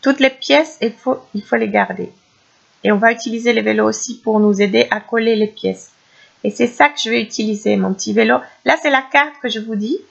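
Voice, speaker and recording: Chatty woman with a gravelly voice. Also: on the high side, brisk, lo-fi sound. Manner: chatty, hesitant with many restarts and fillers. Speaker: craft tutorial host. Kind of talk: casual craft tutorial voice-over. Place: home craft workshop.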